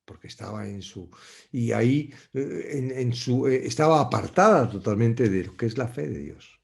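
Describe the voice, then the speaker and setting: A man from leads a relaxed Bible study, thinking aloud as he goes. He circles back on his phrases and restarts sentences while he searches for the right word. His voice sits at an ordinary middle pitch for a man. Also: normal speed, gravelly. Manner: reflective, searching for words, frequent restarts. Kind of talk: conversational Bible teaching.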